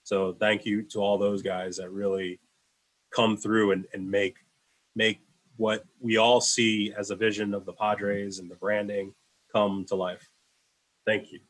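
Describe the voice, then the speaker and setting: A man's voice: fairly low pitch, level tone, a little slow, rough recording. A man, an in-house video producer, answering panel questions in a casual, rambling way with many fillers on a video call.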